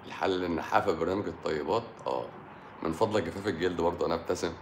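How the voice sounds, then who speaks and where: Fast sarcastic Egyptian man on a live stream. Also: low-pitched, reverberant, a little hiss or hum. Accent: Egyptian Arabic. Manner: sarcastic, teasing, swings from mutters to loud outbursts. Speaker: doctor hosting a live stream. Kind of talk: live stream chat answering viewer comments.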